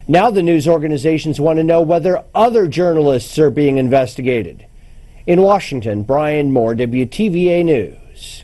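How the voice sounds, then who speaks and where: A man's voice: fairly high pitch, normal speed, mellow, no room sound. A man narrating a scripted television news report as a reporter.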